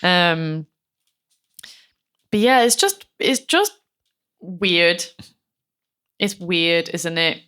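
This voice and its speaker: A woman's voice: lowish voice, animated, drawn-out words, pauses often, sharp tone, clear, resonant tone. A woman, chatting casually on a true-crime podcast and retelling events with lots of fillers. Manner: chatty, many fillers, acts out quotes. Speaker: podcast co-host telling the case.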